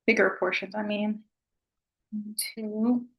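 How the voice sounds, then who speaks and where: Soft-spoken woman chatting casually. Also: flat delivery, takes it slowly, highs cut off. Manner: soft-spoken, low volume. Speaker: vlogger. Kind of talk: casual food vlog chat.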